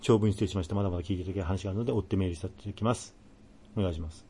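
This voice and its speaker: A man's voice: deep voice, very fast, husky. A man hosting a radio show, reading out a listener's ghost story and whining playfully when his co-host teases him. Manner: animated, plaintive when teased.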